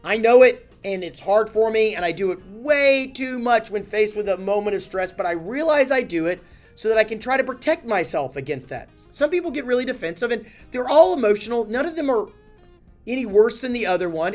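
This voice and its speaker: A man, a company chief, giving a casual, animated talking-head lesson on handling crises, blunt and self-correcting. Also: high voice, brisk, faint music behind. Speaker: company CEO teaching communication.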